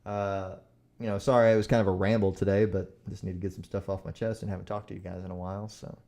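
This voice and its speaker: A man's voice: low voice, level tone, quick pace, gravelly, dark tone. A young man hosting a solo podcast, rambling with many fillers, swearing and getting heated as he talks. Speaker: podcast host.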